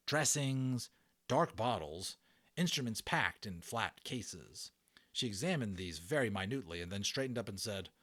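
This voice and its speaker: Reading a children's audiobook, this man uses a lowish voice and acts it out with drama and expression. He's an amateur voice actor with a real storyteller's touch.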